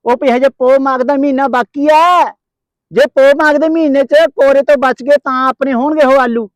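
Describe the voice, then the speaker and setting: Man acting a high-pitched grumbling trader-turned-farmer. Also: fairly even intonation, normal speed, no echo. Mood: scolding, cautionary. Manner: complaining, protesting, repeats phrases. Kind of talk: Punjabi rural comedy skit acting.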